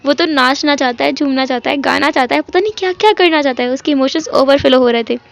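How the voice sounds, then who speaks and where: High-voiced woman narrating a fan story. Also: fast, vocal fry. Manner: chatty, emotional retelling. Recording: dull lo-fi audio.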